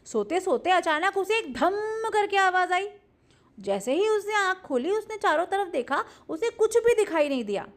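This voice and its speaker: High-voiced woman telling a children's story. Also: normal speed. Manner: lively animated storytelling, retelling each part twice. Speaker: teacher.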